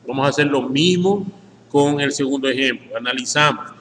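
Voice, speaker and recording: A man's voice: mid-range voice, moderate pace, fairly bright tone. A man with an Ecuadorian Spanish accent teaching an English grammar lesson, working through each example step by step and checking in with "¿sí?" after nearly every sentence. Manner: explains step by step, tags sentences with "¿sí?". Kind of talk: screen-share grammar lesson. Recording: echoey room with faint background noise.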